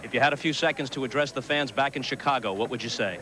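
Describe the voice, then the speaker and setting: A man's voice: medium pitch, quick pace. A man working as a sideline reporter, asking postgame questions in a polished broadcaster's manner into a handheld mic. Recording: noisy crowd behind.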